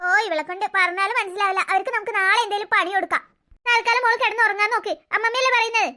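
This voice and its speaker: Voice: very high-pitched, fairly even intonation, racing, pushed and bright, voice pushed down, exaggerated voice. A voice actor doing a nagging cartoon granny. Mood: scolding. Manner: nagging, coaxing a child to sleep. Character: fussy old grandmother, sleepy and scolding. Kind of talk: cartoon voice acting.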